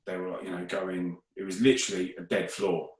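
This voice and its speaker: A man's voice: low-pitched, a little fast, roomy sound, poor audio. A man telling rambling, sweary anecdotes about his days as a DJ in a casual chat. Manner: rambling, swears, gets loud and excited in anecdotes. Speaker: podcast speaker, DJ.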